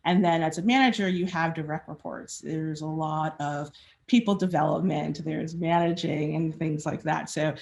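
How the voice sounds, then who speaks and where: A woman's voice: deep voice, steady tone, normal speed, creaky, a little mellow. A woman giving a conversational presentation at a design meetup. She speaks frankly, with frequent fillers and restarts, and acts out quoted questions along the way.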